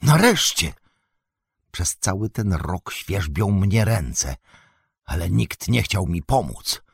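A man voicing a gruff, bold old male hobbit farmer who speaks in hearty exclamations. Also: low voice, lively intonation, slow pace, darkish tone, no echo, clean studio sound, exaggerated voice.

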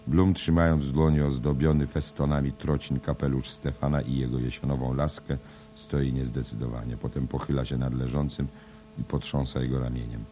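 A man reading a novel written as a play, measured and even, reading the stage directions aloud. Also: a bass voice, a little hiss or hum. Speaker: audiobook reader. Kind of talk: scripted narration of a play-like novel.

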